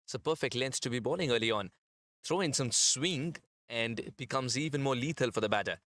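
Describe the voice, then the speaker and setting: A man's voice: medium pitch, a little fast, fairly bright tone. A man commentating live on a cricket match, explaining tactics and bowling in detail. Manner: analytical, explains tactics at length.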